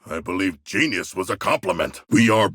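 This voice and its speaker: A huge humanoid shark from a video game, proud and literal-minded. The voice is low and husky and swings widely in pitch. He declaims in formal, earnest sentences. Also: animated, normal speed, a bit bright, dry recording, clean studio sound. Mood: earnest, measured. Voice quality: gravelly. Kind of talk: video game character voice lines.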